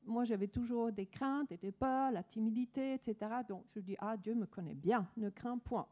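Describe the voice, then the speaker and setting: A woman's voice: on the high side, normal speed, warm tone. A woman from Denmark with a Danish accent, earnestly telling her personal faith story with many restarts. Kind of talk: personal testimony.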